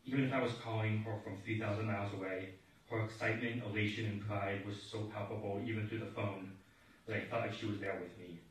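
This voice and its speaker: Man, lower register, steady reflective eulogy reader; echoey hall, distant mic, faint noise. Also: fast talker. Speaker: grandson giving a eulogy. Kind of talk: read eulogy. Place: large echoey hall at a memorial service.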